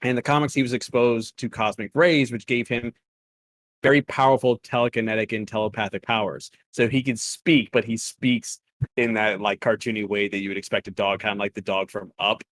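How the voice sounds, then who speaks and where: A man's voice: on the low side, steady tone, fairly quick, fairly bright tone, dry recording. A man co-hosting a casual review chat, rambling through points with frequent restarts and small chuckles at his own nitpicks. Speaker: co-host reviewing an animated episode.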